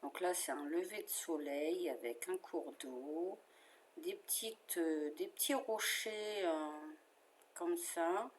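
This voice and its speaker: Slow-talking French woman vlogger. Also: on the low side, slight background noise. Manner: slow, chatty, with fillers and little asides. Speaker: cross-stitch vlogger. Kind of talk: casual chat showing favorite patterns.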